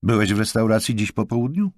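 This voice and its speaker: A man's voice: fairly low pitch, lively intonation, quick pace, darkish tone, no room sound, clean studio sound, pitched above the performer's own voice, close to an everyday voice. A man voicing an irritable, bossy chef and father in an audiobook, snapping and exasperated. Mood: angry.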